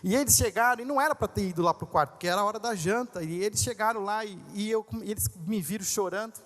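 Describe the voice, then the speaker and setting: A man pastor telling a personal story in a sermon, animated and conversational, with asides to the crowd. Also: high voice, quick pace. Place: large congress hall. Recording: long reverb of a large hall.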